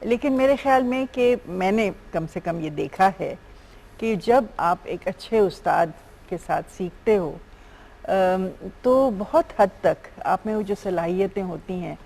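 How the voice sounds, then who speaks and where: A woman's voice: medium pitch, lively intonation, gravelly, poor audio. A woman in her seventies with a Pakistani Urdu accent, a guest speaking thoughtfully and measuredly about teaching art. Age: 70s. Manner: thoughtful, measured, with soft fillers. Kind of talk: TV talk show interview.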